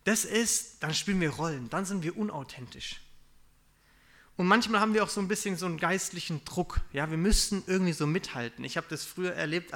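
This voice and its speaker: A young man preaching in a relaxed, conversational way, confessing his own failings and acting out what people say. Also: on the high side. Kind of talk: casual sermon.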